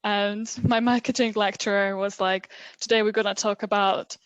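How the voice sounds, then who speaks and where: A woman's voice: mid-range voice, flat delivery, moderate pace, smooth, dry recording, highs cut off. Chatty young woman from Poland. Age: 20s. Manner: chatty, laughs often, many fillers. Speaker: interview guest, recent graduate. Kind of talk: casual video interview.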